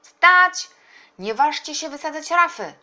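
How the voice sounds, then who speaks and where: A woman's voice: mid-range voice, lively intonation, moderate pace, vocal fry, breathy edge, dull audio. A woman voicing a brave, caring uncle in a children's storybook reading, speaking in a firm, earnest way. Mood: commanding. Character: brave, caring uncle, middle-aged man.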